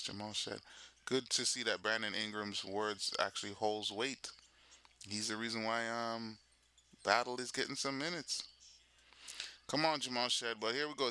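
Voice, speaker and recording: Gravelly, sharp-toned male livestream host. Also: lowish voice. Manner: casual, chatty, reacts to viewers and plays; loose with many fillers and restarts. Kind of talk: live game watch-party commentary.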